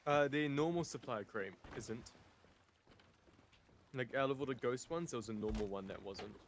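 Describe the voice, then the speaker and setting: A man gaming with a friend over a call, his voice at a middling pitch. His comebacks are dry and teasing. Clear hiss and clicking sit behind his voice on the mic. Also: moderate pace. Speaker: gaming co-host. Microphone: computer mic on an online call.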